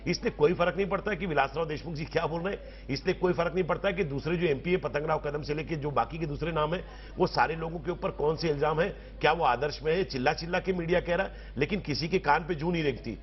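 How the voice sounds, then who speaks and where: High-voiced man arguing in a TV debate. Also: fast talker, few pauses. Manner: forceful, long rhetorical sentences. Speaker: political panelist. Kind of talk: televised debate argument. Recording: slightly dull TV broadcast audio.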